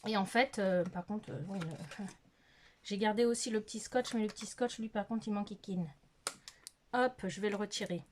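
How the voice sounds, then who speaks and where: Filming on her phone in the bedroom, a middle-aged woman chats through a makeup tutorial in a mid-range, slightly mellow voice at a moderate pace. Her talk is hesitant and filler-heavy, and she laughs at herself, with a little hiss or hum in the recording.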